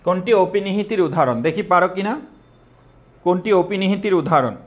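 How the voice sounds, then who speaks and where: A young man with a Bangladeshi Bengali accent runs a live online exam-prep class, repeating questions and quizzing his students. His voice is high-pitched and expressive, and he speaks at a normal speed.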